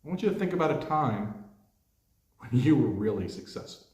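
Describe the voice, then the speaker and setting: A man leads a guided mental coaching lesson for ball players. His tone is calm and direct, and he keeps asking questions. The pitch sits in the middle and the room gives back a clear echo. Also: normal speed.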